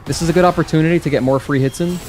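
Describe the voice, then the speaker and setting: While streaming a game live, a native Spanish-speaking man talks to his viewers in a friendly, casual way full of fillers. He races along in a fairly high, darkish voice over soft background music, and the recording quality is low.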